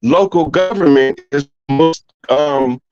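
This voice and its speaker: A man's voice: on the high side, takes it slowly, a little mellow, clear, resonant tone, faint music behind. A man speaking as a guest over an online call whose audio is glitchy and breaking up, talking in an emphatic, declaring way. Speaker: guest caller. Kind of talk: casual live-stream conversation. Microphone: computer call. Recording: dull, dry call audio.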